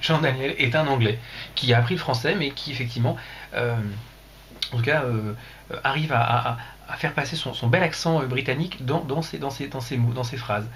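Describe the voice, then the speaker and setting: A man's voice: mid-range voice, a little fast, a bit bright, slight background noise. A man hosting a casual livestream, rambling and joking crudely, talking into a computer mic. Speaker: livestream host.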